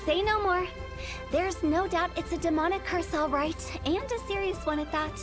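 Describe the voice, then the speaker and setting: A mischievous young woman who runs a funeral parlor talks in a breezy, confident way. Her voice is high and light. Faint game music plays beneath her. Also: moderate pace. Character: playful young female funeral parlor director.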